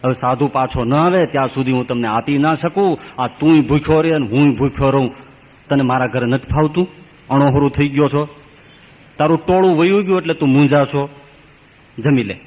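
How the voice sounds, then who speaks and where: A man's voice: a little fast, a little mellow, lightly acted. A man voicing a simple, devout young boy who pleads and wails tearfully, in a sermon. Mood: pleading. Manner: pleading, then wailing in high sobs. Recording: hall with long reverb.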